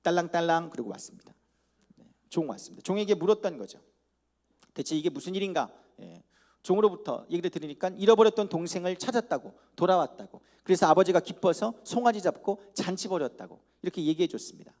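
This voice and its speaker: A man preaching a youth sermon at a church service, animated, and he acts out the characters with comic asides. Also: sits high, fast. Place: church hall.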